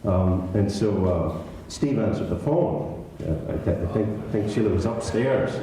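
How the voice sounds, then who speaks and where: A middle-aged Scottish man giving a halting, lightly humorous memorial speech, with many fillers and restarts. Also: lowish voice, lively intonation, noisy background. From Scotland. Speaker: eulogy speaker. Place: village hall. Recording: echoey hall from far off.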